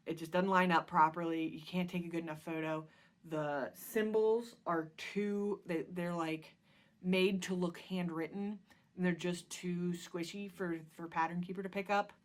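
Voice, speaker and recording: A woman with a slightly low voice talks through her stitching projects in a loose, rambling show-and-tell. She fills the gaps with ums and restarts her sentences as she goes, like a relaxed chat at home. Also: unhurried. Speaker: cross-stitch vlog host.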